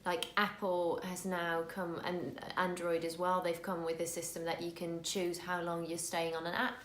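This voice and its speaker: A woman's voice: on the low side, flat delivery, normal speed, echoey room, slight background noise. A woman from the Netherlands, a native Dutch speaker in her thirties, co-hosting a casual vlog in an earnest way, often restarting words. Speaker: vlog co-host, actor.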